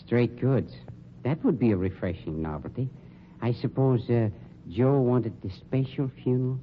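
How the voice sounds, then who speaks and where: Heard on a dull, noisy vintage radio recording, a man with a natural medium-pitched voice portrays a smooth, sardonic funeral director in a crime drama. He speaks with careful, deliberate diction, his tone polished and condescending and dripping with dry sarcasm.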